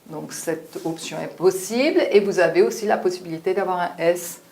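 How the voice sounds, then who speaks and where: A woman's voice: on the low side, normal speed, darkish tone. A woman giving a French lesson to learners, explaining patiently and tagging her sentences with a frequent "hein". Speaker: French teacher. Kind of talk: spoken language lesson.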